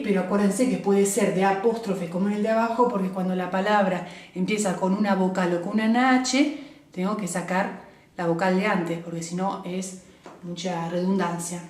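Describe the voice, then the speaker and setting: A woman teaching French grammar, slowing down to model each French word and often checking that her viewers follow. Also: mid-range voice, a little mellow. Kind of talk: explaining grammar to the camera. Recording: echoey room.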